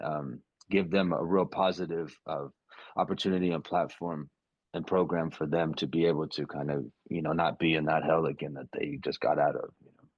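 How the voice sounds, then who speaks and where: A young man, a boxer and podcast guest, talking in a relaxed, rambling way with many fillers and restarts over a video call. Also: low-pitched, no room sound, dull audio. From United States, West Coast. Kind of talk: casual podcast interview.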